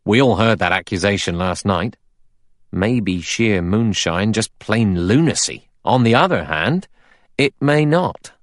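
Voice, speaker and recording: A man with a fairly low, animated voice speaks a little slowly, voicing a blunt, aggressive middle-aged detective in an audiobook. The character is suspicious and cocksure, arguing in pushy, colloquial, emphatic bursts. The recording is dry with clean studio sound.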